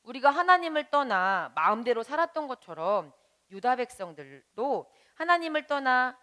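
A woman as a Sunday school teacher, gently explaining a Bible story to children and asking them questions. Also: high voice, very animated, normal speed. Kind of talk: children's Bible lesson narration.

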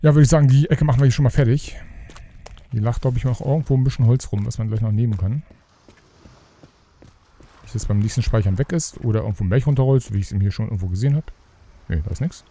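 A man's voice: medium pitch, fast talker, long pauses, mellow. A man hosting a let's play, chatting casually and grumbling to himself as he builds. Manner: rambling, grumbles to himself, mutters asides. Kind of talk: casual gaming commentary.

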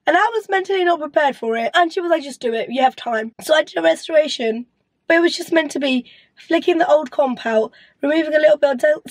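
In a high voice still healing after illness, a young dental student in her twenties talks casually to her phone at arm's length from her car and bedroom. The vlog chat is rambling, chatty and self-deprecating. The recording is dry and the audio poor.

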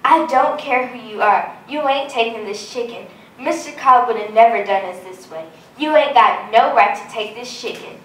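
A young girl voicing a defiant older woman who refuses to give up her chicken, speaking loudly and with indignation. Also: fairly high pitch, normal speed, hardly any pauses, natural voice. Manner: loud, indignant. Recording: roomy, distant mic.

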